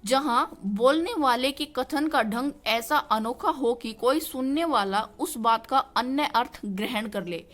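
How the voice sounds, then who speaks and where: A woman with a fairly high voice gives a classroom-style grammar lesson. She keeps asking her own questions and answering them. Faint music plays behind her. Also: a bit bright. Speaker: Hindi grammar teacher.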